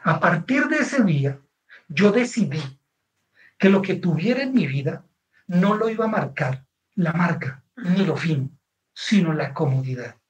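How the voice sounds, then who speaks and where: A man's voice: high-pitched, poor audio. A man with a Colombian accent, a guest author telling a personal story in conversation and often checking in with his listener. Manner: animated, keeps checking in with the listener.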